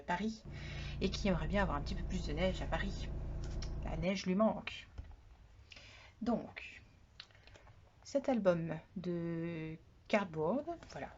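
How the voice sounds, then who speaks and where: Soft-spoken woman showing craft supplies. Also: fairly low pitch, husky. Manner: soft-spoken, often trails off quietly; chatty, repeats "voilà" often. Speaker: craft vlogger. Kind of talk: product haul demonstration. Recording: dull lo-fi sound with faint noise.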